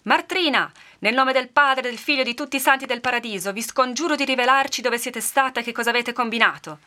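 A woman voicing a pious village woman who shouts a solemn adjuration at full voice. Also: on the high side, fast, voice pushed up. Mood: imploring.

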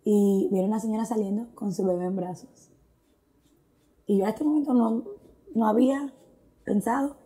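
A guest earnestly reflects on her personal faith, mixing Spanish with English phrases and relying on frequent fillers. Her mid-range, dark voice moves at a moderate pace with frequent pauses.

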